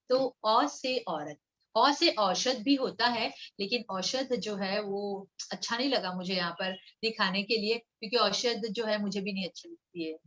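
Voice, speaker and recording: A woman's voice: mid-range voice, fairly bright tone. Coaxing woman teacher, lo-fi audio. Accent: Mumbai Hindi. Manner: sing-song, coaxing, asks children questions; slow syllable-by-syllable reading for repetition. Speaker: primary school Hindi teacher. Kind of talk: online children's lesson with slides.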